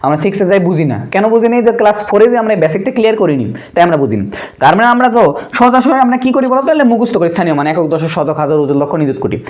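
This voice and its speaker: Brisk high-voiced young male math teacher. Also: very animated, a little mellow, dull audio. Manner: asks pupils questions and answers them himself; casual, calls pupils brother. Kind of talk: explaining a primary school math lesson.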